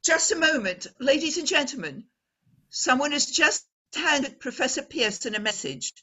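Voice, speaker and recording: A woman playing a poised, earnest radio news reporter in an old-time radio drama, speaking formally and deliberately with dramatic emphasis. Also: high voice, lively intonation, bright, forceful tone. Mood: formal, urgent.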